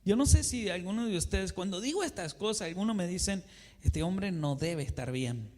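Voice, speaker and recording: A pastor preaches a sermon in a church, asking his congregation questions and answering them himself, and acting out conversations between a believer and God. His high-pitched voice is expressive and darkish at a moderate pace, with the long reverb of a church hall.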